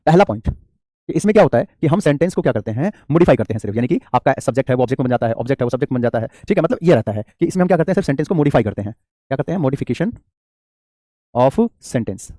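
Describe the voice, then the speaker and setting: Guy teaching grammar super fast, keeps asking then answering his own questions, calls the kids beta, warm mellow tone. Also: mid-range voice, animated, dry recording, studio quality. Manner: affectionate toward students, calls them child. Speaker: English teacher. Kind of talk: classroom-style grammar lecture.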